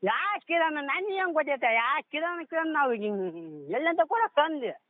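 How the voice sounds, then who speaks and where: On the phone, an irritated man with a North Karnataka Kannada accent, the target of a prank call, protests and argues bluntly in a heated exchange. His voice is extremely high-pitched and animated, at a normal speed. The phone audio is tinny with noise.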